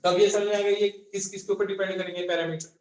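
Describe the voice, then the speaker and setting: A high-pitched male physics teacher lectures a class. He fires question after question and answers each one himself. The echoey classroom rings around his voice. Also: flat delivery, quick pace, a crowd in the background.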